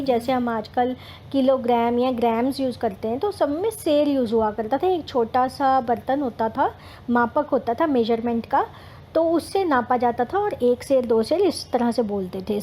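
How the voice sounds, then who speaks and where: A woman's voice: a little high, dark tone, slight background noise. A woman teaching children Hindi vowel signs, sounding out syllables patiently and explaining words, mixing in English terms. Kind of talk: slow, careful Hindi lesson for children.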